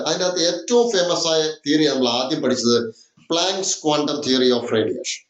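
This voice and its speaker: A man's voice: a little high, reverberant, lo-fi sound. A man teaching a chemistry lesson with a Malayali accent, switching between English and Malayalam, repeating points with many "okay"s. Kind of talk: classroom lecture.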